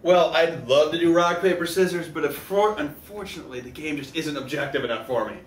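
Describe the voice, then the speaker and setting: A man's voice: on the high side, fairly quick. A man co-hosting a comedy show, improvising sketches and banter in a rambling, profane, joking way. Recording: roomy echo with faint background noise.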